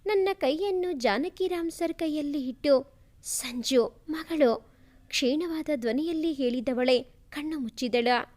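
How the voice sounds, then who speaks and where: A woman reading an emotional first-person family story aloud in a soft, feeling way. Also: high voice, moderate pace.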